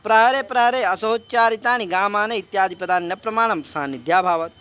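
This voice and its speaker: Brisk and bright, with a forceful, clean, high tone, a Sanskrit teacher lectures his classroom. He recites Sanskrit texts, explains in Hindi, and quizzes the students again and again.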